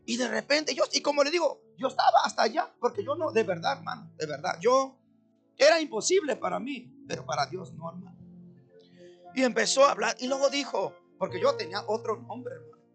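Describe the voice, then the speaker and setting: A man with a notably high voice gives a heartfelt testimony, speaking earnestly to his brothers and sisters in the faith. Faint music plays softly behind him. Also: animated, brisk, vocal fry. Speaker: church member giving testimony. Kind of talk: emotional personal testimony.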